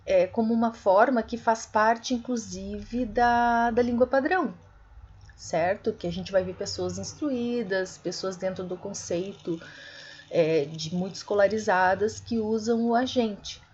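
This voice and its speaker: Woman teacher explaining a poem online, kinda husky voice, muffled lo-fi audio. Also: mid-range voice, a little slow, a little mellow. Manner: explanatory, many fillers and self-corrections. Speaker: literature teacher. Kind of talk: online lecture.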